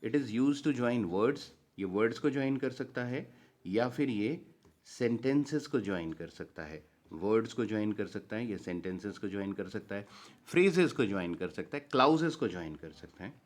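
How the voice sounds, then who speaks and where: A man with an Indian accent teaching a grammar lesson, repeating key phrases and reading English examples slowly and deliberately. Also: lowish voice, animated.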